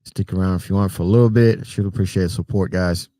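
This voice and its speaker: Chatting loosely with his livestream audience, a Puerto Rican trucker in middle age calls out viewers by name and laughs softly as he rambles. He talks quickly in a low, mellow, relaxed voice, and the sound is dry and close, though he sometimes wanders from the microphone.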